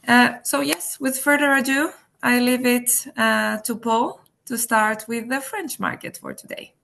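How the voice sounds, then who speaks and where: A woman's voice: a little high, expressive, a little slow, creaky, pushed and bright. A woman opening a webinar on a video call and giving housekeeping reminders, with frequent fillers. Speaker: webinar organizer.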